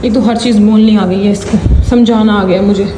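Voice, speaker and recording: A young woman, a mother, vlogging casually around her home, chatting and venting, and slipping into high sing-song baby talk with her daughter. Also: steady tone, brisk, background noise. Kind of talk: casual daily vlog.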